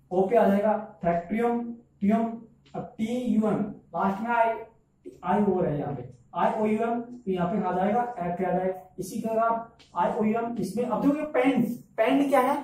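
A man teaching English pronunciation, who repeats words slowly and keeps asking his listeners questions. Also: very high-pitched, a little mellow, slight background noise. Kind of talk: classroom lesson in Hindi. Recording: echoey room, from far off.

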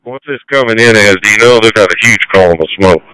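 Low, crisp urgent firefighter radio commander, man. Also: fast talker, pushed and bright, no echo, low-quality recording. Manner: terse, directive, urgent. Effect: two-way radio. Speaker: fire district chief, incident commander.

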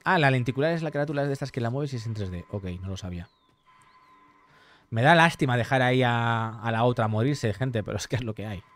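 A young man, live-streaming gameplay in a mid-pitched voice. He talks to his chat, reads their comments aloud and swears freely. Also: brisk, a bit bright. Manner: chatty, swears often, reads and answers chat.

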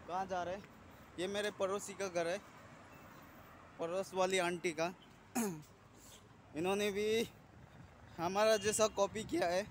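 A man in his thirties talks casually into a phone held at arm's length while he walks a sunny city street, rambling and clearing his throat now and then. His voice sits fairly high for a man. Traffic noise runs clearly underneath. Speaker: vlogger. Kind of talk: casual walking vlog. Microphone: phone camera held at arm's length. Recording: noisy street traffic outdoors. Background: passing traffic.

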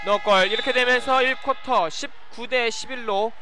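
High-pitched, excitable male basketball commentator. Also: normal speed, soft background music. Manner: excitable, shouting on scores. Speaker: play-by-play sports commentator. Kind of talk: live basketball play-by-play commentary. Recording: loud gym noise behind the voice. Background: basketball court ambience, bouncing ball.

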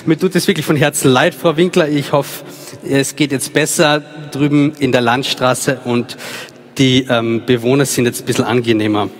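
A man in his thirties from Salzburg with an Austrian accent, giving a chatty, informal personal sermon with many fillers on stage in a large church. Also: medium pitch. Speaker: preacher. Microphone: handheld mic. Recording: long church reverb.

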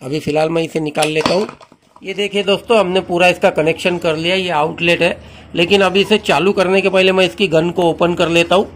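A man's voice: sits high, steady tone, brisk, a bit bright, slight background noise. A man hosting his own channel, walking viewers through a hands-on product demo in a friendly, instructional way, often repeating a set phrase. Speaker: channel host demonstrating a car washer.

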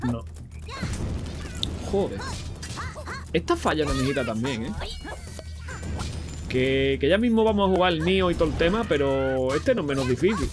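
Young man, gaming commentary, swearing and jumpy, high lively voice, soft music underneath. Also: normal speed, pauses often. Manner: excitable, profane, sudden shouts. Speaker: let's play host.

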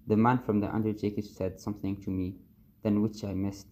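A man reading a novel excerpt aloud in the first person, at a measured and steady pace. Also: on the low side, slight background noise. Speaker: reader of a book excerpt.

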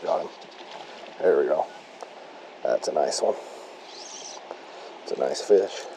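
A man talking casually while fly fishing outdoors by a mountain creek, breaking into excited exclamations over each fish. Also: a bass voice, takes it slowly, vocal fry. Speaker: fly fisherman filming his outing. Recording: stream noise, outdoor camera audio. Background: running stream.

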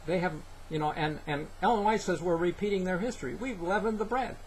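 Older man preaching, slightly high voice. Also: a little mellow, a little hiss or hum, poor audio. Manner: earnest, halting, with many fillers and scripture citations. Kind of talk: sermon-style Bible teaching. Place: small indoor room. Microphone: webcam, head-and-shoulders framing.

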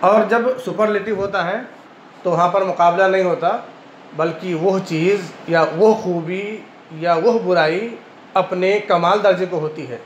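A man with an Indian Urdu accent lectures on grammar in a fairly high voice, going over each point twice and checking in with his students. The madrasa classroom rings with echo, and the recording sounds dull and muffled with a faint hiss under it. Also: a little slow. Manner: clears throat often. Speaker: Arabic grammar teacher.

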